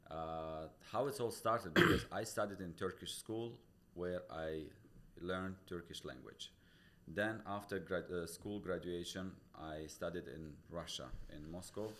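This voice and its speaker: Speaking English with an accent from his native Pamir dialect, this Tajik real estate broker guests on a podcast, walking through his points earnestly and step by step with many restarts. His voice is low with a fairly bright tone. It's casual interview talk on a studio podcast mic, with a little background noise.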